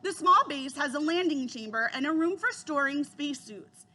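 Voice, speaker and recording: A woman's voice: high-pitched, lively intonation, normal speed, pushed and bright. A woman doing a careful, bookish young boy. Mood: earnest.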